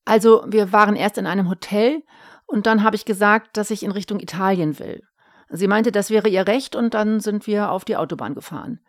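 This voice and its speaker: Sly sheepish husband read by a woman, hasty coaxing talk, bit raised and louder than her plain reading, dry close sound. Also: medium pitch, a little fast, dry recording, pitched above the performer's own voice, close to an everyday voice. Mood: wheedling. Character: sly, sheepish middle-aged husband, man.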